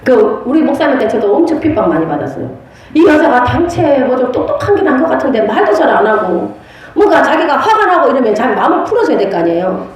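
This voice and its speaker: A woman, a pastor's wife, teaching a church class on prophecy, telling stories in a lively way and laughing often. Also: on the high side. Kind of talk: church lecture with storytelling. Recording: very echoey room.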